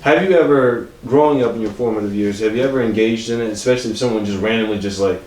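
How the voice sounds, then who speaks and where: A man's voice: lowish voice, fast talker, a little mellow. A man co-hosting a podcast, talking casually and playfully, roasting others and asking pointed questions. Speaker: podcast co-host. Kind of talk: casual comedic chat. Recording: roomy echo, far from the mic.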